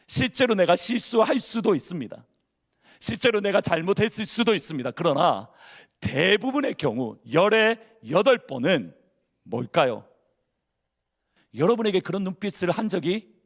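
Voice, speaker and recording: A man with a notably high voice delivers a church sermon. He throws questions to the congregation and slips into acted-out inner monologues of worried churchgoers. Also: fairly bright tone. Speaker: pastor. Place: church sanctuary.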